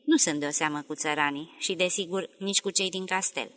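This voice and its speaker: A woman's voice: fairly low pitch, fairly bright tone, dry recording, studio quality, close to an everyday voice. A woman reading the lines of a tired male stranger in an audiobook, polite but insistent. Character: weary male stranger, persistent and uneasy.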